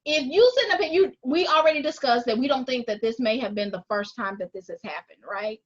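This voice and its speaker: A woman co-hosting a podcast, arguing her points deliberately and repeating phrases to hold the floor in casual chat. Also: fairly high pitch, dull audio. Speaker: podcast co-host.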